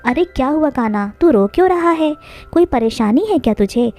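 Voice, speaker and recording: A woman voicing a calm, knowing old grandmother who speaks gently and teasingly. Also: high-pitched, normal speed, soft background music. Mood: gentle.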